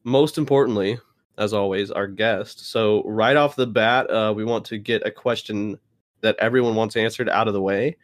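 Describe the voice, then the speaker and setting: A man hosting a podcast casually, talking informally and haltingly as he feels his way through phrases. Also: fairly low pitch, steady tone, no echo. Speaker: podcast host.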